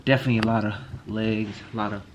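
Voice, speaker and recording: Racing through a casual, rambling, slangy vlog recap of his day, a young adult man speaks in a lowish, steady voice. He's in a small indoor walk-in closet, recorded on a phone camera near his face, with background noise behind him.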